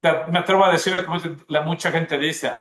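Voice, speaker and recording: A man's voice: fairly high pitch, fairly even intonation, a little fast, fairly bright tone. A man, a gastronomy school dean, explaining at length in a podcast interview and often checking in with the listener. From Ecuador. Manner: explanatory, often tags "¿no es cierto?".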